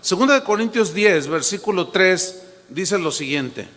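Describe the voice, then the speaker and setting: A man's voice: high voice, lively intonation, measured pace, fairly bright tone. A man preaching a sermon as pastor, emphatic and repetitive, with a habit of acting out other people's words. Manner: emphatic preaching, repeats phrases, quotes people in changed voices. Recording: long hall reverb.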